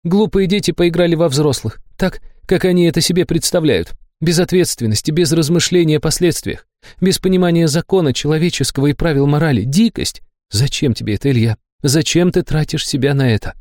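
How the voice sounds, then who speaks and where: A man's voice: a little high, a little fast, a little mellow, no room sound, studio quality, voice pushed up, close to an everyday voice. A man voicing a young female student who scolds her friend, angry yet caring, in an audiobook reading. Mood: worried. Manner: scolding, worried, raised voice. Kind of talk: audiobook character voice.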